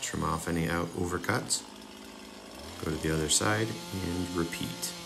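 Against a noisy background, a young man narrates a laid-back chainsaw carving tutorial, taking viewers through the cuts one step at a time. His voice is deep and creaky, and he speaks a little slowly.

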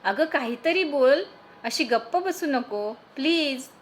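A woman reading the part of a grown man who shyly admits an old college love, in a soft, hesitant, tender voice. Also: high voice, lively intonation, takes it slowly, slight background noise. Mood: pleading. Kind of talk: storytelling reading.

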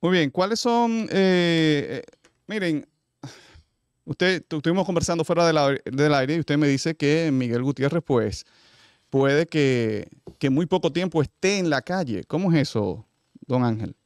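A man hosts a studio interview, asking questions in a loose, conversational way with plenty of fillers. His voice is a bit high and the dry studio sound has almost no room echo. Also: animated, measured pace, clear, resonant tone. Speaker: show host. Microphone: studio mic.

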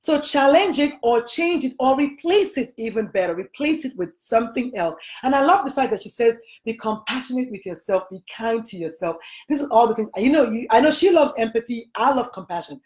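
A middle-aged Nigerian-accented woman hosts a podcast, chatting casually with a guest from a small room at home and speaking emphatically into her laptop webcam while gesturing broadly. Her voice is fairly high and darkish, animated and fairly quick, with hardly any pauses.

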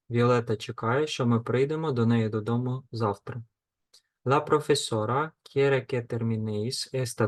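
A man teaching a grammar lesson, slowly and deliberately reading out lists of verb forms and explaining them. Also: mid-range voice. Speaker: language teacher.

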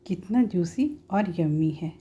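A woman's voice: lowish voice, animated, unhurried, warm tone, breathy edge, dull audio. Homely woman talking through a recipe. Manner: homely, instructive, often says "dekhiye". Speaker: home cooking host. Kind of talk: step-by-step cooking voice-over.

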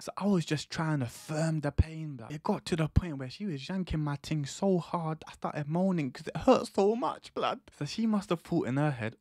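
A man's voice: fairly high pitch, darkish tone, no room sound. A man in his twenties with an East London roadman accent, telling a casual comic story in street slang with emphatic delivery into a close microphone. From East London, England. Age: 20s. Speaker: YouTube storyteller. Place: small indoor room. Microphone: close studio microphone on boom arm.

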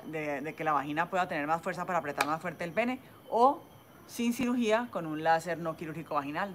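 A woman with a slightly low voice and a Caleño Colombian accent, talking as a plastic surgeon on a live stream. She explains things in a chatty way, full of diminutives. Faint room ambience sits behind her phone audio. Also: fairly bright tone, a little hiss or hum. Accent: Caleño Colombian Spanish.

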